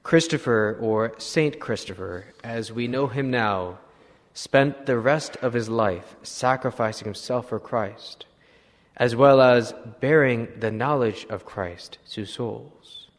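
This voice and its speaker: A man, a priest, telling a saint's story in a slow, measured sermon. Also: mid-range voice. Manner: slow, measured retelling with clearing of throat. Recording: long hall reverb.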